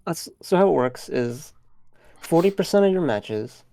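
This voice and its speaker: A man's voice: on the high side, expressive, a little slow, creaky, dark tone. A man on an online voice call whose audio keeps dropping out; he talks with hesitant fillers. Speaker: player being coached. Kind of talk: casual chat over a voice call.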